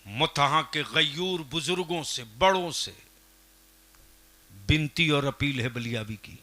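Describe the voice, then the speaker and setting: A man preaching a fiery sermon at a public gathering, asking the crowd questions and swinging up to shouting. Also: a little high, animated, takes it slowly. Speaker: Islamic preacher. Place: outdoor religious gathering.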